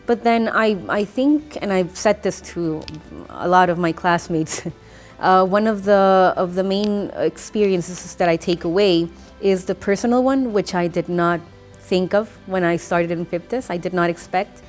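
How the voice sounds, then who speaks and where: A young Costa Rican woman, a native Spanish speaker with a master's degree, gives a thoughtful English testimonial interview full of fillers and restarts. Her voice is on the low side and a little slow, with faint music behind her.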